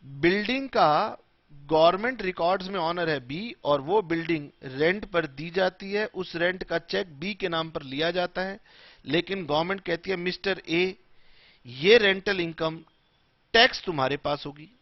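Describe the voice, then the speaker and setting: A man teaching tax law in a classroom lecture, mixing Hindi and English in a slow, emphatic way. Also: high-pitched, no room sound, muffled recording.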